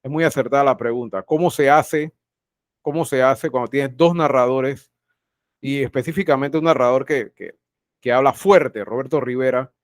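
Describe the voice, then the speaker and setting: A man's voice: medium pitch, normal speed, dry recording. Dry-voiced male teacher lecturing online. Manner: repeats phrases, questions students directly. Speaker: university teacher. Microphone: video call.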